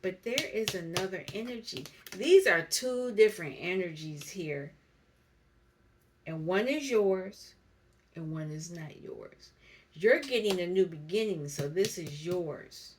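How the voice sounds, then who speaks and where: Low-voiced woman doing a slow spiritual card reading. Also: expressive, slight background noise. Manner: slow, reflective, reads card text aloud. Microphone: camera mic.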